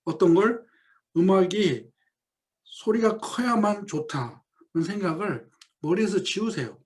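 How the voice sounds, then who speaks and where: Slow-paced male professor lecturing. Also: sits high, expressive. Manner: reads quoted English lines very slowly, then explains them. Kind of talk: lecture reading and explaining a play.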